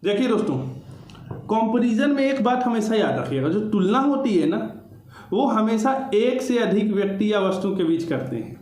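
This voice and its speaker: A man's voice: high-pitched, expressive, normal speed, darkish tone, echoey room. A man teaching a grammar lecture to exam students, explaining step by step and repeating key points.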